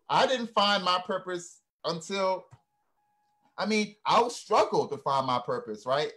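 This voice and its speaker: A man from Ghana tells stories in an earnest, conversational way, his voice sitting a little higher than most men's. He keeps tagging his points with "right?" and "you know" as he reflects on growing up. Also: fairly bright tone. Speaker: guest speaker.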